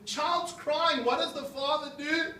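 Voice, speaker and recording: A man, a rabbi, giving a lively seminar talk to an audience, often asking them questions and tagging lines with "right?". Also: high-pitched, normal speed. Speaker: rabbi and motivational speaker. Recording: echoey room, mic far off, faint noise.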